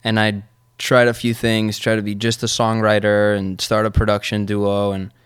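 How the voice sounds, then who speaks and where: A man's voice: lowish voice, completely flat delivery, normal speed, clear, resonant tone, no echo, studio quality. A man from Argentina, a musician guest, telling his story in a casual, easygoing interview and laughing often.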